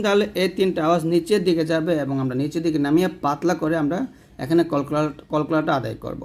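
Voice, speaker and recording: A man teaching Quran recitation rules, patiently repeating points and drilling syllables slowly. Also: on the high side. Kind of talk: tajweed lesson, spelling out letters.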